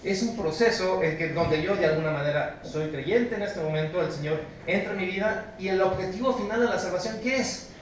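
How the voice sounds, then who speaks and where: A Mexican pastor delivers a sermon, rising to forceful calls and dropping to low, hushed emphasis as he puts questions to his listeners. His fairly high voice carries in a very echoey church. He is picked up from a distance, with a faint room hum behind him. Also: a little fast. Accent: Mexican Spanish. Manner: emphatic preaching, swinging from loud exhortation to low, hushed stress; asks the congregation questions. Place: church sanctuary.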